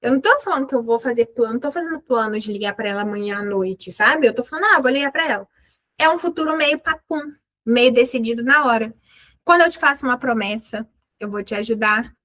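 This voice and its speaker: A young adult woman teaching English in Portuguese, patiently explaining and repeating example phrases slowly. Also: fairly high pitch, expressive, a bit bright. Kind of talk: online English lesson.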